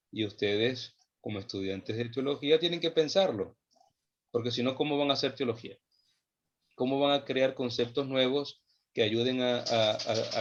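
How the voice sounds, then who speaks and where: A man teaching a theology class, speaking slowly and with emphasis, repeating phrases as he thinks them through. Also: mid-range voice, fairly bright tone, lo-fi sound. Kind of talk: lecture. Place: online class session.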